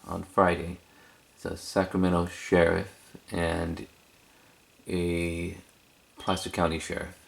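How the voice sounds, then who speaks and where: A deep-voiced man speaks slowly and creakily in a monotone while showing off his cassettes for a video. It's casual, hesitant, rambling show-and-tell, with words repeated for emphasis.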